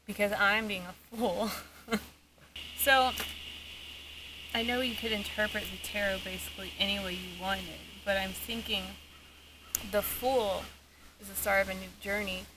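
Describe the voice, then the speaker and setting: A woman with a mid-pitched voice chats in a casual, reflective way, explaining in short phrases as a vlog host would. She is recorded outdoors, with clear noise around her voice. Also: fairly even intonation, moderate pace. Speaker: vlog host, paranormal investigator. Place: outdoors in a cemetery. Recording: noisy outdoor field recording.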